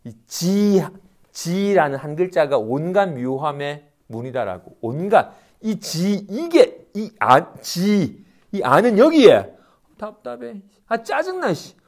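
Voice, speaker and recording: A male monk delivers a dharma talk with a lively, swooping voice. He breaks into brief acted asides of everyday grumbles before returning to his explanation. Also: a little high. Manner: animated, acts out everyday complaints in quick asides. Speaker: Buddhist monk lecturing. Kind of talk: dharma lecture.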